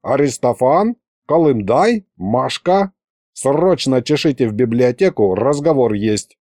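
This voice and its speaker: A man doing a slow, crafty old grandpa. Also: mid-range voice, lively intonation, mellow, dry recording, studio quality, lightly acted. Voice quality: slow, drawling folksy speech.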